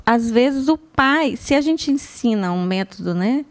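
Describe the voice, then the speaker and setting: Measured woman educator. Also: on the high side, animated. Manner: explanatory, measured, teacherly. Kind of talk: casual chat.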